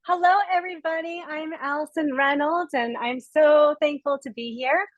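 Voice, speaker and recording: Woman on a webinar call gushing about her story, kinda high voice, super dry sound. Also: normal speed, no room sound, muffled recording. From Rhode Island. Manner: gushing, heartfelt, emphatic. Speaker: guest speaker. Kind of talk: emotional testimonial on a webinar. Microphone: video call.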